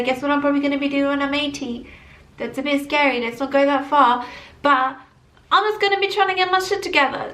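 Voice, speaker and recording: A woman's voice: sits high, roomy sound, distant mic. A woman in her early thirties talking casually and emphatically to camera in a motivational vlog, from England. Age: early 30s. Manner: animated, emphatic repetition. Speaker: vlogger. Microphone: camera mic.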